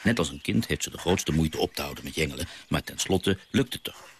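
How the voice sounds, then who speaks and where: An actor playing a gentle father and naturalist who tells stories of his sea voyage, in a radio drama. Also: rumbling low, expressive, a little fast, a little hiss or hum.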